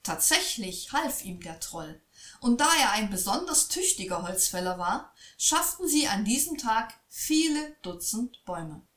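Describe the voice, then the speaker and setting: A woman reading a fairy tale aloud in a slow, expressive storytelling voice. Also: a little high. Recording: echoey room.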